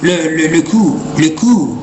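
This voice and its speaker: Male comic monologuist, American accent in French, slightly high voice, halting and mixing in English, roomy sound. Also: very animated. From United States. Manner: hesitant French mixed with English, refers to himself in third person. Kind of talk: humorous rambling monologue to camera. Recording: roomy echo, clear background noise.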